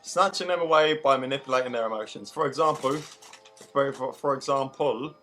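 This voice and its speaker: A man's voice: medium pitch, a little fast, sharp tone, faint music behind. Exasperated swearing man. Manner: exasperated, swearing, stumbling over names. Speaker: reader of the story. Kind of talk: casual comedic read-along.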